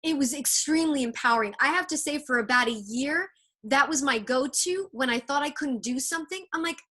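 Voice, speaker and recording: A woman's voice: high voice, a little fast, sharp tone. A woman hosting a casual interview, chatting eagerly and telling stories over a video call. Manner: enthusiastic, chatty storyteller. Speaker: interview host.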